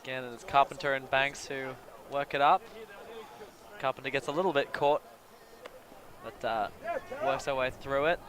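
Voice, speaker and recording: Excitable male play-by-play commentator. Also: medium pitch. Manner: excitable, quick calls of the play. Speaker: sports commentator. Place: outdoors at a sports field. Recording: crowd noise at an outdoor field. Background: cheering crowd.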